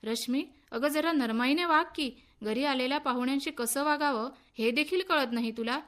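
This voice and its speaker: Short-tempered young husband, griping and scolding, read by a woman in a high voice for a radio story. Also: fairly bright tone. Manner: complaining, quick to anger. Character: irritable, egotistic young husband.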